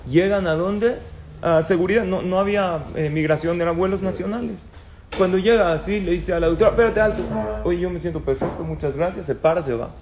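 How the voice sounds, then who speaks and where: Guy preaching to a crowd, bit high voice, echoey room with faint hum. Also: a little fast. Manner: storytelling, asks the audience questions. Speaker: rabbi lecturer. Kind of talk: religious talk to an audience.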